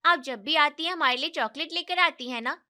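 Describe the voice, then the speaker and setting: A woman's voice: sits high, fairly quick, pushed and bright. A woman doing whiny small kids. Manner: pleading, childish. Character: two young children, a boy and a girl, whining. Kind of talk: animated story voice acting.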